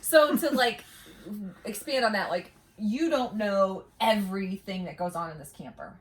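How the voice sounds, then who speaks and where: A woman chats casually to the camera from inside a small camper trailer. She hosts in an informal, talkative way, with a voice of ordinary middle pitch for a woman. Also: moderate pace. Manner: chatty, laughs easily while talking. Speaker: vlog host.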